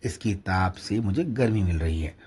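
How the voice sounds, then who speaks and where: A man voicing a kindly, frail old village shopkeeper, speaking gently. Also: sits low, expressive, moderate pace, slightly rough, heavily acted. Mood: tender. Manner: gentle, scolding to the dog.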